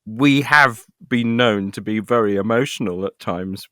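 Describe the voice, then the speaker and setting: As an interview guest, a middle-aged actor and writer talks conversationally about his work, halting and repeating words in stammers as he hunts for the next one. His voice is lowish with a sharp tone. The audio is studio quality with no room sound.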